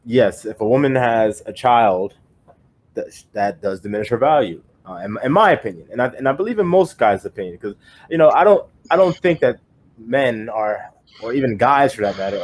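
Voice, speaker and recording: A man's voice: lowish voice, expressive, moderate pace. A young man co-hosting a podcast, giving his opinions in a rambling, casual way with many fillers and restarts. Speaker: podcast co-host.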